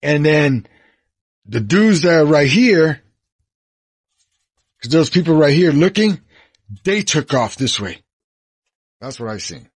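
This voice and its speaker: A man's voice: on the high side, sing-song, slow, long pauses, slightly rough, no echo, studio quality. A man giving a rambling, swearing eyewitness account, describing what he saw as he points around him.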